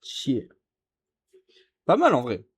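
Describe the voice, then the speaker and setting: A man's voice: mid-range voice, wildly swooping pitch, husky. A man who is a beginner, showing how he writes Chinese characters in a casual tutorial, hesitant and correcting himself as he goes. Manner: hesitant, self-correcting, repeats words slowly. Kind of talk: casual tutorial while writing. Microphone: camera filming his writing.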